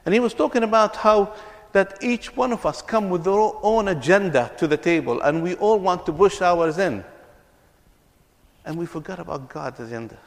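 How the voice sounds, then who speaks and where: The voice is high-pitched and creaky, at a normal pace, belonging to a man from Palestine who ministers on reconciliation. Before an audience he tells stories earnestly, repeating words often, with a long reverb from the hall.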